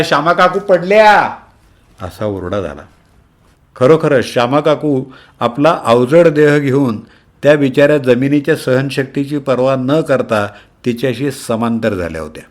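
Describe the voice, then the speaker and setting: Male storyteller, expressive comic reading. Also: medium pitch, normal speed.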